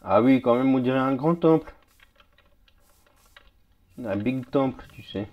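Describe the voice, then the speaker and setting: This game streamer has a mid-range voice and an unhurried delivery, captured in thin, tinny sound. He's laid-back and chatty, talking with other players and his chat while he plays live.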